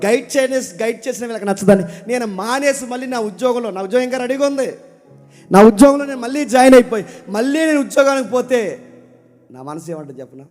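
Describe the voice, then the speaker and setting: A male preacher with a high voice delivers a passionate sermon, repeating his lines for emphasis. He swings between ringing proclamation and hushed, confiding asides. His voice carries a long hall echo over faint background music. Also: expressive, fast. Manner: impassioned, swinging between loud declaiming and low confiding talk.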